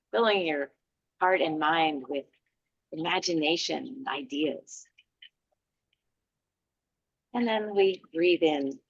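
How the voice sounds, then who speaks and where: Woman qigong teacher, gentle and soothing, lowish voice, dry muffled recording. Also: no echo. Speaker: qigong instructor. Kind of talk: guided qigong class.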